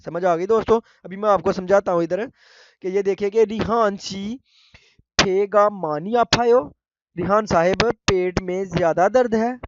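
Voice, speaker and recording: A man teaching a language lesson to viewers, calling them friends and repeating words slowly. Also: sits high, lo-fi sound, background noise.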